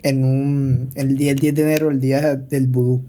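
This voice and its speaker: A man's voice: medium pitch, little pitch movement, normal speed, mellow, low-quality recording. A man co-hosting a podcast in casual chat, colloquial and teasing. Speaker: podcast co-host.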